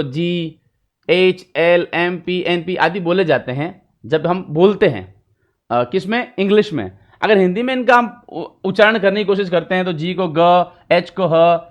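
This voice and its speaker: High-voiced man teaching English grammar. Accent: Hindi. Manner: mixes Hindi and English, casual explaining with frequent checks. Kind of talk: online grammar lesson.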